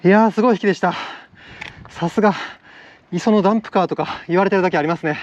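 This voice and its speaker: Speaking fast in a high register, this cheerful fishing vlogger talks casually to the camera on an island shore, his slight Kansai dialect showing as he laughs again and again. The lo-fi recording has no room sound.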